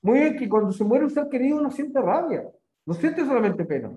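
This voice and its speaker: A man's voice: very high voice, very animated, a little fast, dark tone. A male language teacher giving a classroom lesson, coaxing his students with constant questions. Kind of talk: classroom lesson on reading poetry.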